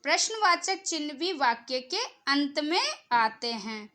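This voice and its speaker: A woman school teacher with a Rajasthani Hindi accent, explaining a grammar lesson to children in a slow teaching manner and stretching out her example sentences. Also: high voice, lively intonation, sharp tone.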